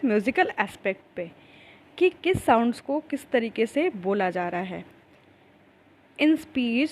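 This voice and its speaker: A woman teacher gives a recorded lecture, asking herself questions and then answering them, and reads the definitions slowly, word by word. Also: on the high side, a little mellow, low-quality recording. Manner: explains with repeated rhetorical questions.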